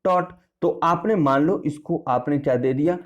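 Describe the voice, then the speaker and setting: A man's voice: fairly high pitch, normal speed, lo-fi sound. A man teaching an English poetry lesson in a classroom style, repeating points and asking and answering his own questions while addressing students familiarly. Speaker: English tutor.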